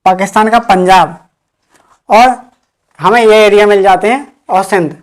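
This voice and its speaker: Female history teacher, mid-pitched, drills each point with repeated questions. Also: a little slow. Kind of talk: exam-prep history lecture.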